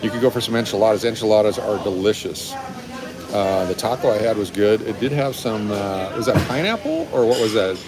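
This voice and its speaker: Brisk and with lively intonation, a fifty-something man chats casually on a live stream, rambling now and then. He's indoors in a busy restaurant, speaking into a phone at arm's length, with chatter and rumble audible in the background.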